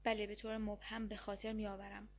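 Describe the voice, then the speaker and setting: A woman narrates a dramatic first-person novel in an expressive, measured storytelling voice of middle pitch. The recording is slightly muffled, with a dull top end. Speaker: audiobook narrator.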